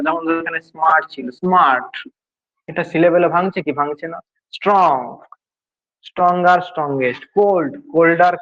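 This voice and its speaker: A male teacher giving a grammar lesson, explaining slowly, repeating key points and quizzing his students. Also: on the high side, muffled recording.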